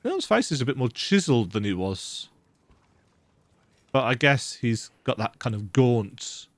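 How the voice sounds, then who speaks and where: The recording is dry, and the man's mid-range voice is very animated yet measured in pace. A gaming video host with a bit of a cold, he plays a horror game in his dark room at home with the lights off, giving chatty, self-deprecating let's-play commentary.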